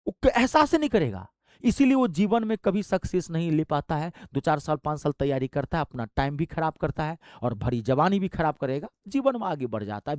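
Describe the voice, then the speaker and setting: Emphatic coaching teacher, lively delivery. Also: male voice, a little high, dry recording, clean studio sound. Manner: emphatic, exhorting, speaks straight to students. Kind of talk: motivational exam-prep lesson.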